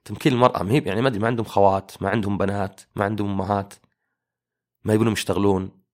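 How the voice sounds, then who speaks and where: A man's voice: lowish voice, fairly even intonation, racing. A young man, giving a casual, argumentative monologue full of fillers. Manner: rambling, argumentative, many fillers. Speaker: commentator.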